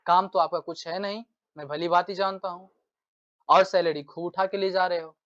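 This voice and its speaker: A man leads an exam-prep vocabulary lesson, drilling phrases over and over and acting out angry demands to illustrate them. His voice sits high and slightly bright, with fairly even intonation at a normal speed. The lo-fi recording has no room sound.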